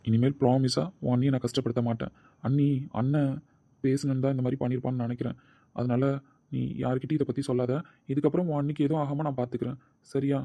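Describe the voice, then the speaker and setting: A man's voice: medium pitch, flat delivery, quick pace, no echo, highs cut off, close to an everyday voice. A man voicing a caring, protective older brother who coaxes and reassures his sister. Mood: coaxing. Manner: coaxing, reassuring, brooding when alone.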